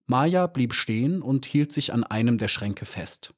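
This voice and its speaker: Calm guy reading a storybook aloud, middle voice, steady. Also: medium pitch, a little slow. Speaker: audiobook narrator. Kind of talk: scripted storybook narration.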